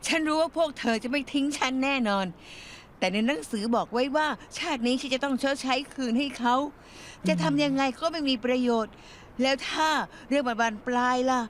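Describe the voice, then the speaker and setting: A woman's voice: high voice, a little fast, slight background noise, close to an everyday voice. A woman dubbing a worried, superstitious teenage schoolgirl in a TV drama, anxious and pleading. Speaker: voice actor. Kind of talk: dubbed TV drama.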